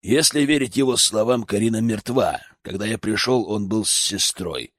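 A man voicing a steady, frank grown male ally in an audiobook, speaking in a low, calm tone. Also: moderate pace, dry recording, clean studio sound. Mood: grave.

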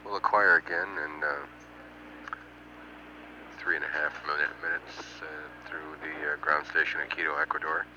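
Really deep flat guy doing official space mission status updates, halting, muffled radio with clear hiss and hum. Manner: measured, halting delivery with formal number readouts. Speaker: mission control public affairs commentator.

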